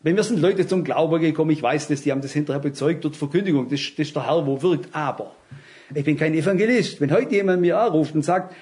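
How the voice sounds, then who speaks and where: A man preaches at a Bible study, his voice sitting a little high for a man. He talks earnestly, telling anecdotes and turning to the listeners with direct questions. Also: fast, darkish tone. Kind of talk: sermon.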